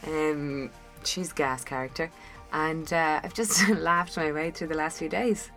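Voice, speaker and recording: A woman's voice: sits low, steady tone, a little slow, fairly bright tone, faint music behind. A woman guesting on a casual studio interview, easygoing and giggly. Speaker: actor guest. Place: recording studio.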